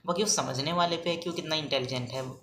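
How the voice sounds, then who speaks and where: A young man vlogging in a casual, rambling way, talking softly and hesitantly with many fillers. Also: on the high side, fast talker. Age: young adult. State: speaking softly, kept quiet. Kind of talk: casual rambling vlog talk. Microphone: phone front camera. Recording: echoey room, faint background noise.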